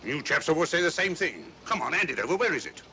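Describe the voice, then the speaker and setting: An actor playing an officious, exasperated British police inspector in a 1940s film. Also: male voice, big pitch swings, fast, bright, forceful tone, exaggerated voice. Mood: brusque, incredulous. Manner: brusque, incredulous. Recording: noisy old film soundtrack, train rumble.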